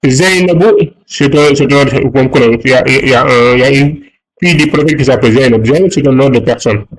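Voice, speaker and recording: A man's voice: mid-range voice, fairly quick, rough recording. A man from Senegal teaching an online lesson, patiently repeating and rephrasing each point as he explains the exercises. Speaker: Arabic teacher.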